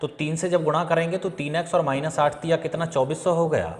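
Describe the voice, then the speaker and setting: A man's voice: a little high, fairly even intonation, a little fast. Chatty male maths tutor, roomy reverb. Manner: chatty, repeats steps and checks understanding. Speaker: maths teacher. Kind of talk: exam-prep maths lesson.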